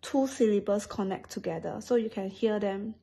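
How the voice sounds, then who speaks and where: A woman's voice: medium pitch, normal speed, creaky, warm tone, slightly rough, rough recording. A woman from Singapore with a Singaporean accent, patiently explaining English phrases and pronunciation step by step as a teacher.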